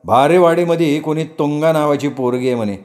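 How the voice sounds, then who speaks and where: A man's voice: a little high, fairly quick, a little mellow, close to an everyday voice. A man doing a sheepish young herdsman. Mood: mock-grand. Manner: rustic village speech, sheepish. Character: shy young male herdsman, rough and humble.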